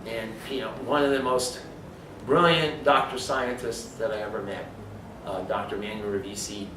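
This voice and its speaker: A man's voice: lowish voice, steady tone, normal speed, background noise. A man giving an emphatic health talk, lecturing and asking rhetorical questions. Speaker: speaker on supplementation. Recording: echoey room from far off.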